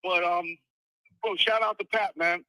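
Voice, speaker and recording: A man's voice: high voice, steady tone, a little slow, rough recording. A man calling into a live show, stating his opinion with growing emphasis. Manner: emphatic, rising to loud points. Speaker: caller. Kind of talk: phone-in opinion.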